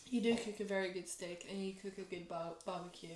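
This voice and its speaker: A woman's voice: medium pitch, steady tone, quick pace, a little mellow, slight background noise. Young woman, casual chat, roomy echo. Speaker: vlogger reading questions in a couple's Q&A. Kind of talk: casual couple chat, bantering. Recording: echoey room, distant microphone.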